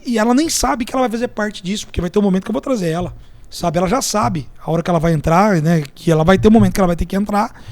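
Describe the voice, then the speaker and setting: Guesting on a podcast, this Brazilian entrepreneur and mentor has a high-sitting voice with a darkish tone and a Brazilian Portuguese accent. He talks casually, spinning anecdotes and parables and voicing the quotes. The recording is dry.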